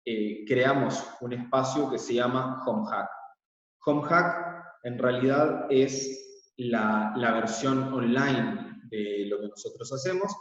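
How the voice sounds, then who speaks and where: A man from Israel, a workshop facilitator, presenting calmly online and explaining with frequent hesitant fillers. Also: medium pitch. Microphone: laptop mic on a video call. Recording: echoey, distant, dull video call audio.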